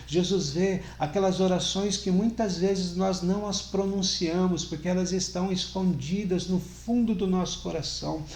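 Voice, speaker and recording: A middle-aged pastor preaching in a reverberant church room. His voice sits somewhat high for a man, and he delivers the sermon earnestly, swelling louder to press a point and sinking soft for tender moments. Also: normal speed, hardly any pauses. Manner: earnest, rises and falls in volume for emphasis.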